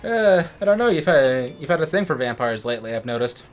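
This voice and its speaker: An American man with a mid-range voice, brisk and highly animated, co-hosts a let's play. He's a gamer keeping up casual, rambling chat and commentary, often restarting his phrases.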